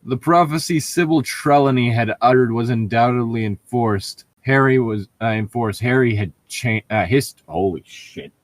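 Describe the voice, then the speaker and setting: As a co-reader on a fan fiction riffing show, a man reads a story out loud with casual mockery, profanity, word stumbles and sarcastic side comments. His voice is mid-range, his speed normal with few pauses, and there's no room sound.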